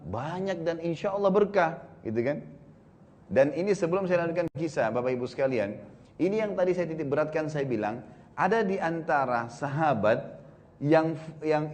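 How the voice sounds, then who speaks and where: A man giving a storytelling sermon to a congregation, retelling the tale with lively energy and frequent tag fillers. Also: fairly high pitch. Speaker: preacher.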